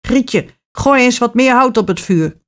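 A woman voicing a cruel old witch with a creaky voice, sweet one moment and gloating the next. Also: on the high side, lively intonation, a little slow, pitched above the performer's own voice. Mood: bossy. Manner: sugary, then gloating and bossy.

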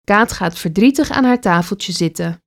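A woman reading a children's story aloud with an expressive delivery. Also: mid-range voice, normal speed.

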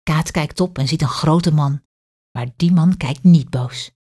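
A woman's voice: deep voice, measured pace. A woman, reading a children's story aloud expressively. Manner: clear, expressive read-aloud.

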